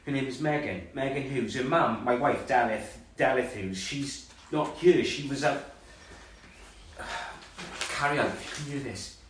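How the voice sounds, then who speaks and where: An actor playing a frightened village taxi driver and father, radioing for help in a halting, stammering, pleading way. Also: mid-range voice, a bit bright, close to an everyday voice. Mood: desperate. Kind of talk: audio drama acting. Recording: echoey, distant, faint noise.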